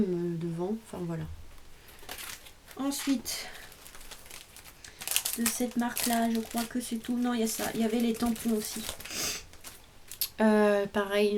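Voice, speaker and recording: A woman's voice: a little high, a little mellow, slight background noise. A woman vlogger casually showing off a craft haul at home, chatty and hesitant, often trailing off. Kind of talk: casual show-and-tell haul.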